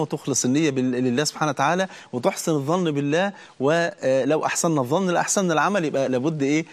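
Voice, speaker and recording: A man with an Egyptian Arabic accent preaching a religious sermon as host of a Ramadan program, fervent and emphatic, building as he goes. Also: fairly high pitch.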